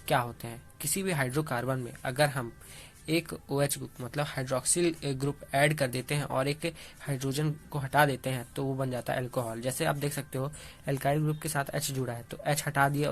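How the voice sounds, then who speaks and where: A man's voice: mid-range voice, fairly even intonation, brisk. A young man explaining a chemistry topic to students in a casual classroom manner, often checking in with them as he goes. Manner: talks students through steps, often checking with "ठीक है". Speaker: chemistry tutor.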